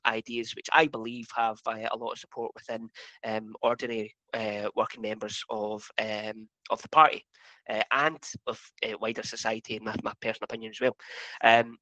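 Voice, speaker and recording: Man, Highland Scottish accent, medium pitch, hesitant and repetitive phrasing, informal campaigner talk, very dry sound. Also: sharp tone, no room sound, rough recording. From Scottish Highlands and Islands. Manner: hesitant, halting delivery with repeated words. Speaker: political campaigner.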